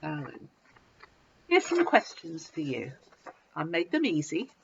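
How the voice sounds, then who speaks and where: A woman teaching English to learners in a slow, simple lesson, patient and reassuring, repeating key words. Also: low voice, wildly swooping pitch, vocal fry, background noise. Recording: dull lo-fi recording.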